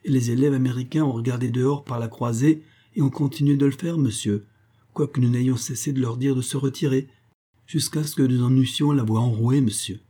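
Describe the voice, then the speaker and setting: A man's voice: mid-range voice, steady tone, fairly quick, warm tone, pitched above the performer's own voice, natural voice. A man reading aloud who voices a timid, flustered young female servant, stammering and deferential. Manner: stammering, repeats "monsieur" anxiously.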